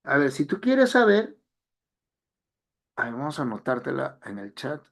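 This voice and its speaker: A man's voice: medium pitch, sing-song, moderate pace, vocal fry, fairly bright tone. A man teaching an online language class, explaining step by step and repeating key phrases.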